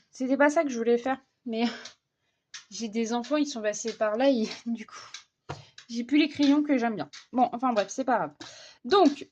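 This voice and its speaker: A young woman chats her way through a coloring session, slowly and hesitantly, with lots of fillers and restarts. Her voice sits a little high. The home recording sounds slightly dull, with a faint hiss behind it. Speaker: vlogger. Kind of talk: casual coloring vlog chat.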